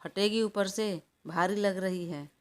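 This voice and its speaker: A woman's voice: mid-range voice, slow, lightly acted. A woman reading an audio story, voicing a weary, irritated young man who talks in an exasperated way. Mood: angry. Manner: exasperated, pleading for rest. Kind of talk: audiobook character voice.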